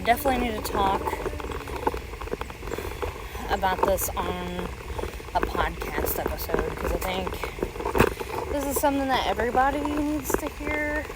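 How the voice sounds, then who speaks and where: Slow-talking woman musing on an outdoor walk. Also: mid-range voice, lively intonation. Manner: musing aloud while walking. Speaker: podcast host and mother. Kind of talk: casual unscripted podcast monologue. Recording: outdoor walking recording, loud ambient noise. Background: crunching dry leaves underfoot, outdoor noise.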